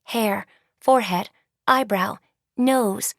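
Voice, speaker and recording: A woman narrating an audiobook in a slow, even storytelling manner. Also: mid-range voice, vocal fry, dry recording, studio quality. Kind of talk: scripted narration.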